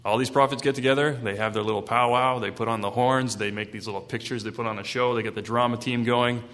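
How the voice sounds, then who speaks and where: A man's voice: medium pitch, fairly even intonation, fast talker, a bit bright. A male preacher reading scripture aloud and then retelling it in casual language. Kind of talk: Bible reading with sermon commentary. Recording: long hall reverb.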